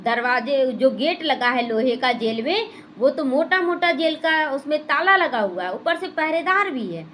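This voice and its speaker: A woman's voice: high-pitched, animated, measured pace, fairly bright tone, a little hiss or hum. A woman teaching a spiritual class, explaining the day's lesson and putting questions to the class. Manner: explanatory, asks the class questions and answers them. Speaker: Brahma Kumaris class teacher. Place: small gita pathshala classroom.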